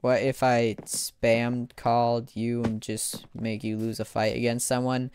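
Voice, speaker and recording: A man casually commentating a live gaming stream, excitable, exclaiming and laughing as he plays. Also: medium pitch, measured pace, noisy background. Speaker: gaming livestreamer.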